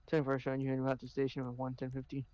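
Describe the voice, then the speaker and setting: A man's voice: medium pitch, monotone, quick pace, warm tone. A man roleplaying a police dispatcher, switching between casual chat and radio calls. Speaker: player acting as police dispatcher. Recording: dull lo-fi voice chat, faint noise.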